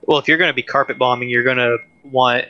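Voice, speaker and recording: A man's voice: mid-range voice, fast, lo-fi sound. A man playing a tank game with a friend on stream, talking in a hesitant, casual way with many fillers. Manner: hesitant, lots of ums and restarts, flat delivery. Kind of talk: casual gaming chat.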